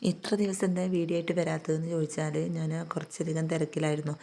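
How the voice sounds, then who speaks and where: A woman vlogging in a relaxed, homely way, with a voice still hoarse from illness. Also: sits low, fast talker. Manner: chatty, homely, tags sentences with "tto". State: hoarse, recovering voice. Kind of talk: casual vlog narration.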